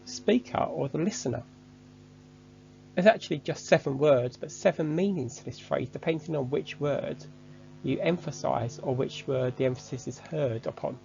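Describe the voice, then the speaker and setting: A man giving a measured, structured, scripted online lesson as a course instructor. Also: on the high side, gravelly, darkish tone, muffled recording, slight background noise.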